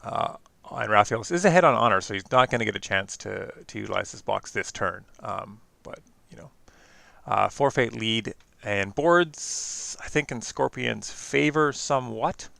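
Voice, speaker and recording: A man with a Canadian accent giving chatty live-stream commentary on a card game, quick and full of fillers and restarts. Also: lowish voice, lively intonation, vocal fry, sharp tone, dry recording.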